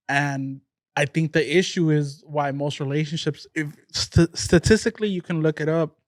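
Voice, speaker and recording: A man's voice: fairly high pitch, no room sound, clean studio sound. A man co-hosting a podcast in casual chat, arguing his views bluntly and swearing now and then. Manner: argumentative, blunt, curses. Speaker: podcast co-host.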